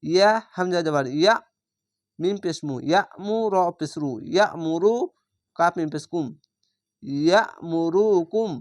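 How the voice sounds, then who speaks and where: Patient Quran reading teacher, smooth dry voice. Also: mid-range voice, measured pace, pauses often, darkish tone, no echo. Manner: spells out letters and vowel marks one by one, explains rules patiently; addresses viewers directly, checks understanding. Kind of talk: online recitation lesson.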